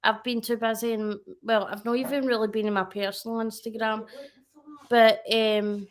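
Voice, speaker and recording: A woman's voice: a little high, little pitch movement, moderate pace. A woman chatting casually as a guest on a livestream, rambling and correcting herself as she goes.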